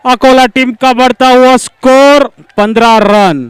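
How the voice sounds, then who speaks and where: A man's voice: extremely high pitch, steady tone, unhurried, smooth, no room sound. A man announcing scores and overs in live cricket commentary, with formal phrasing.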